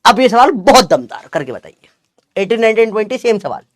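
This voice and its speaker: A young man lectures students on physics in a chatty, teasing way, tossing in slang. His voice sits a little high, and it is heard close and dry. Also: very animated, brisk, no room sound. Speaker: physics teacher. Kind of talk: classroom lecture with Gen Z slang.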